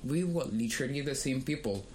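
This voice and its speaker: A young man who grew up in Kenya, co-hosting a casual discussion and speaking in a thoughtful, measured way with pauses. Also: medium pitch, lively intonation, darkish tone, slight background noise. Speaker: podcast co-host.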